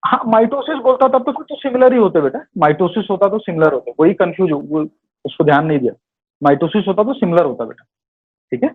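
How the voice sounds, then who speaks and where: A male biology teacher runs a live online class, speaking fast in a high-pitched, slightly rough voice with lively intonation. He goes over quiz answers in Hindi mixed with English terms, correcting himself and calling students "beta," all through tinny, phone-like audio.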